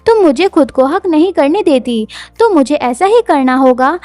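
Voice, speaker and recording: A woman's voice: high voice, lively intonation, normal speed, a little mellow, no echo, faint music behind. A woman voicing a clingy, doting young nobleman. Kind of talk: manhwa recap voice acting.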